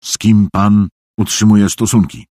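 A man voicing a cruel, pompous middle-aged police official who talks in a gruff, domineering way. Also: on the low side, level tone, measured pace, dark tone, no room sound, studio quality. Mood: stern.

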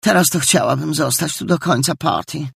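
A man reading an audiobook voices a spiteful, bossy teenage girl with a sharp, scornful delivery, in a raised voice. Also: a little high, moderate pace, vocal fry, husky, no echo, clean studio sound, pitched above the performer's own voice, heavily acted.

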